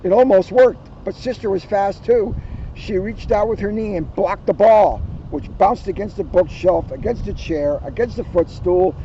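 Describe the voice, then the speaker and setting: Outdoors, with vehicles going by behind him, a policeman reads a kids' book in a high, mellow register at a moderate pace, playful and emphatic, breaking off for jokes. The audio is slightly dull and muffled.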